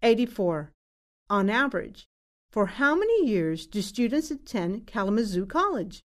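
A woman's voice: mid-range voice, big pitch swings, normal speed. Woman, test narrator, scripted exam questions, widely varied intonation.

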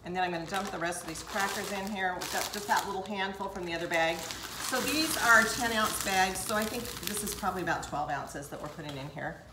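During a home cooking demonstration, an older woman chats with her viewers as she works in the kitchen. She speaks fairly quickly at medium pitch, and the room sound comes with background noise.

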